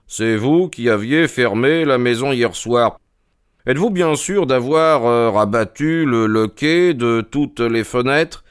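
Audiobook: man playing a keen, methodical detective, slow deliberate questions, crisp voice. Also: mid-range voice, expressive, dry recording, studio quality. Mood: measured. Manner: measured, inquisitive. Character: sharp, calm male detective, keen and methodical. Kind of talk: audiobook character reading.

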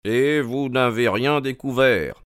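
Man doing an eager, exacting detective for an audiobook: brighter and higher than the narrator, probing, crisp, dry sound. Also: no room sound, lightly acted. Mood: inquisitive. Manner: quick, questioning, excited interjections. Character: keen, probing male detective, eager and precise. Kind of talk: audiobook character reading.

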